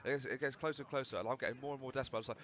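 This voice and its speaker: A man's voice: medium pitch, steady tone, rapid-fire, noisy background. A young man rambling casually through gameplay commentary, swearing freely as he chats. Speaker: gaming channel host.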